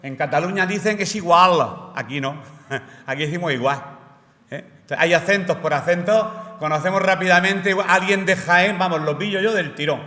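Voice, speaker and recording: Bright-voiced man preaching in a church. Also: high-pitched, brisk. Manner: explanatory, asks the congregation rhetorical questions. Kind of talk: sermon. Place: church hall. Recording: roomy church hall reverb.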